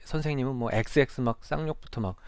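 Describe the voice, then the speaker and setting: A man's voice: mid-range voice, fast talker, smooth, no echo, clean studio sound. A man, a psychiatrist, giving a public talk on stage, telling everyday stories and asking the audience questions. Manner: storytelling, acts out quoted speech in a raised voice; addresses the audience directly with questions. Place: lecture stage before an audience.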